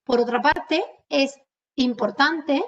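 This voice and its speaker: Speaking from home over a video call, a high-voiced woman from Andalusia, Spain, lectures online about communication. Her delivery is explanatory and aimed right at her listeners, with key words drawn out for emphasis, and the computer mic leaves the sound dull and far away.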